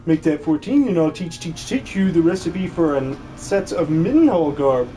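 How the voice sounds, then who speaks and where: In a mellow, medium-pitched, sing-song voice at moderate pace, close to natural speech, an actor dubs a video game's old hermit. The character is jolly, fussy and excitable, repeating words in threes as a stutter. Faint music can be heard behind.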